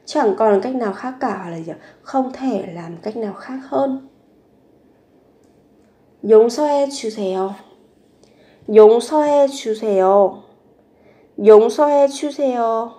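A woman's voice: a little high, slow, pauses often, mellow. A woman teaching a language lesson, repeating each phrase three times and then explaining it, often posing rhetorical questions to her listeners.

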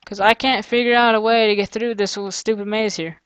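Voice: mid-range voice, flat delivery, a little fast, a bit bright, smooth, no room sound. A gamer giving casual let's-play commentary, thinking aloud, grumbling and joking sarcastically. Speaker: gamer playing through a custom map.

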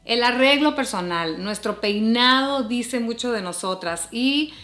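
A woman's voice: on the high side, expressive, measured pace. A woman, giving chatty fashion advice to camera from her bedroom. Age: 40s. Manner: warm chatty tips, addresses viewers as "hermosas". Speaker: fashion and beauty vlogger. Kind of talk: casual advice vlog to camera. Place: bedroom, seated before a bed. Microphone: camera at chest framing. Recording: roomy bedroom echo.

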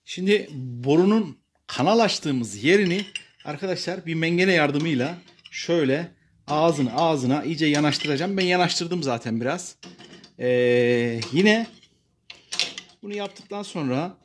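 A man calmly talking viewers through a repair job step by step, pausing often with fillers as he works. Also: on the high side, slight background noise. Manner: plain and unhurried, addresses viewers as friends, frequent filler pauses. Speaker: DIY repair presenter. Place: workshop bench and outdoor paved yard.

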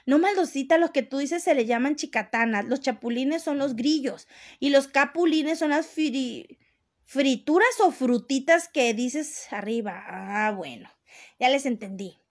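High-voiced Mexican woman chatting on a live stream. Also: a little slow. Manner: chatty, laughs often, teasing. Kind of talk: casual live chat reading viewer comments.

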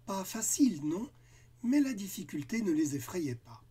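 A man narrating a children's cartoon tale in a slow, gentle storytelling manner with dramatic pauses. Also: high voice, very animated, slightly rough.

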